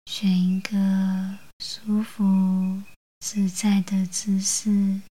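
A woman narrating a guided bedtime relaxation like a sleep story narrator, in a soothing, hushed, breathy near-whisper with long pauses. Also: medium pitch, level tone. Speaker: host of a bedtime relaxation show.

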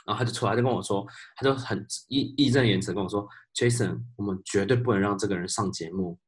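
A man co-hosting a podcast, telling work stories in a casual chat. He is animated, laughs often and drops English words into his speech. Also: fairly low pitch, fast. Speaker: podcast co-host.

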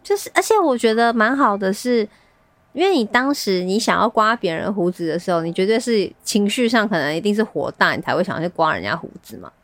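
A woman's voice: mid-range voice, animated, fairly quick, no room sound. A woman with a Taiwanese Mandarin accent chatting casually as a co-host of a book show. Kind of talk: casual chat about books.

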